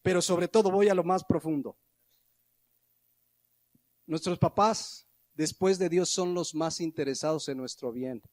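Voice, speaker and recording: A middle-aged Mexican pastor delivers his sermon with a notably high-pitched voice. He is lively and animated, acting out everyday scenes, then slows right down to stretch the words that matter. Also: no echo. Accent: Mexican Spanish. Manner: animated, acts out little scenes with quoted voices.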